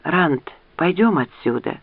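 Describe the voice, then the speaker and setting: A man doing a scared young wife in a storybook, pleading quietly and urgently. The sound is dry and a little dull. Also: fairly high pitch, lively intonation, slow, creaky, no echo, exaggerated voice. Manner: whispering, pleading.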